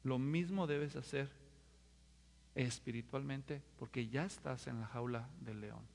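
A man's voice: mid-range voice, a little slow, creaky, darkish tone. A male pastor, preaching a sermon and firing rhetorical questions at the congregation. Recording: long hall reverb.

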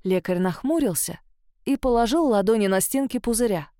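A woman narrates a first-person fantasy story with a lively, expressive delivery. Her voice sits a bit high. The sound is close and dry, with no room in it. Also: normal speed, no echo. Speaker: audiobook narrator.

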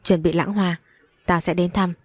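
A woman's voice: fairly low pitch, fairly even intonation, moderate pace, a little mellow, no room sound, lightly acted. A woman voicing a cold-blooded, arrogant young rich man who speaks with contempt. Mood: contemptuous. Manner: contemptuous, curt.

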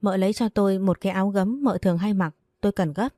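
A woman's voice: mid-range voice, fast talker, warm tone, dry recording, faint music behind, natural voice. A woman voicing a stern young husband and master of the house who gives curt, commanding orders. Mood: cold.

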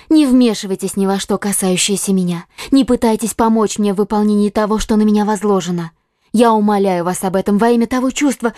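A woman's voice: a little high, mellow, no echo, clean studio sound, close to an everyday voice. Brief: actress as a frightened, secretive young woman; pleading, evasive; audiobook drama. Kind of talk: audiobook acting.

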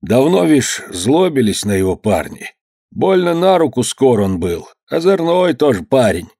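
A man's voice: medium pitch, sing-song, a little slow, mellow, no room sound, studio quality. A man voicing an anxious male overseer who pleads and strains his voice in an old-time storybook tale. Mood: pleading.

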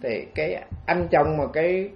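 A Southern Vietnamese monk with a notably high voice tells a story in a dharma talk. He talks in a loose, rambling way and turns often to his listeners. The recording sounds dull and lo-fi. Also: moderate pace, vocal fry, faint music behind. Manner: rambling, conversational, addresses the audience directly. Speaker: Buddhist monk teacher.

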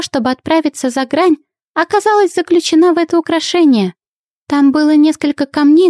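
A woman's voice: high-pitched, mellow, no echo, studio quality, natural voice. A woman voicing an ancient female alien soul trapped in a guinea pig, telling her tale with sighs of world-weariness. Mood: earnest. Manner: sighing, world-weary storyteller. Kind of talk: audiobook character voice.

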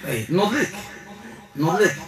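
A man with a Moroccan accent leading a ruqya exorcism session, questioning and commanding a spirit in a forceful, interrogating manner. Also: high voice, big pitch swings, fairly quick, roomy sound. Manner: commanding, interrogating, with Quran recitation. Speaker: ruqya healer.

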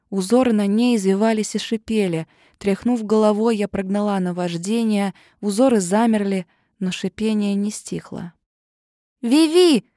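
A woman narrating a first-person fantasy audiobook with tense, expressive storytelling. Her voice sits at a middle pitch. The recording is dry and close, with no room sound. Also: dry recording.

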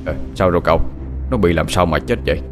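A male town chief , as a man puts him on, asks in a lowered voice in a spoken horror tale. Quiet and steady over faint music. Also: quick pace, natural voice. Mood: concerned. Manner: questioning.

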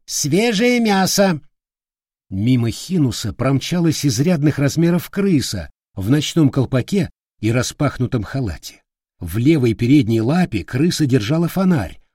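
A man narrating an audiobook with an expressive storytelling manner and a husky voice. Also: mid-range voice, no echo, studio quality.

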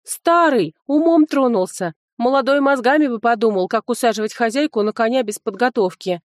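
A woman reading an audiobook, voicing a chattering young female servant who gossips in excited exclamations. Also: on the high side, normal speed, dry recording, clean studio sound, voice pushed up, natural voice. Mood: fussing.

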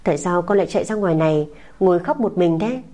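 A woman voicing a young mother who soothes a crying child in a soft, coaxing, tender way. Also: fairly low pitch, lively intonation, fast, lightly acted. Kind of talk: audiobook character voice.

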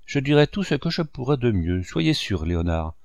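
A man reading the part of a calm, kindly young male courtier, speaking in a soothing, reasonable way. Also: medium pitch, moderate pace, creaky, dry recording.

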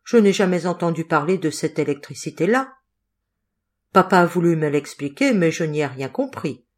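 An eager young woman in an audiobook, devoted and quick to defend those close to her, as a woman reader voices her. Her voice sits a little low and her delivery stays expressive. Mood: wondering.

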